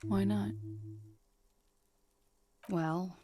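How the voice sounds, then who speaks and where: An actress voicing a frightened, guarded young woman who speaks in a measured, weary confessional manner in a video game. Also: medium pitch, fairly even intonation, dark tone, slightly rough.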